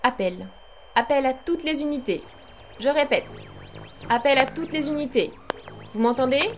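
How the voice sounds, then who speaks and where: A woman's voice: sits high, normal speed, soft background music. Woman making a police radio call. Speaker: podcast host voicing a spy agency director. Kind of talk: scripted children's podcast narration.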